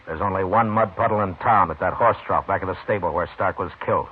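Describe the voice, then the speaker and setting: A man's voice: deep voice, fast, husky. An American man playing a weary, stern frontier marshal in a 1950s radio drama, speaking in terse, dry lines. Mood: stern, probing. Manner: terse, dry, pressing questioner. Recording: noisy, narrow-band 1950s radio recording.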